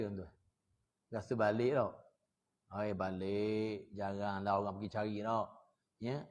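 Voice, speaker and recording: A man preaching a mosque sermon to a congregation. He keeps asking his listeners questions and breaks into sudden loud, high outbursts. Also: highs cut off.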